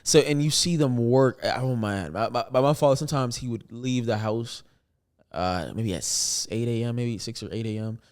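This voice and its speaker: A young man, a comedian guest on a podcast, telling joking stories in a loose, animated way that often trails off and restarts. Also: mid-range voice, moderate pace, clean tone. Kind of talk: casual storytelling interview.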